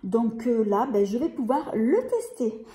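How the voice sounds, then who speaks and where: A woman's voice: on the high side, animated, measured pace, warm tone. Hesitant woman unboxing beauty products. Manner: hesitant, many fillers and restarts. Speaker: beauty vlogger. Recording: echoey room.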